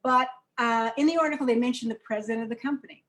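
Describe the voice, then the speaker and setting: An older woman from Harlem, a children's book author and interview guest, telling her life story in a vivid, animated way. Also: fairly high pitch, quick pace, low-quality recording. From New York, Harlem.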